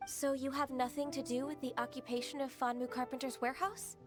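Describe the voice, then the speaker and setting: A woman voicing calm, formal Ganyu. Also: high-pitched, lightly acted. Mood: composed. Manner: polite, measured, formal. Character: composed, formal female secretary. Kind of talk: video game voice acting. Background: game music.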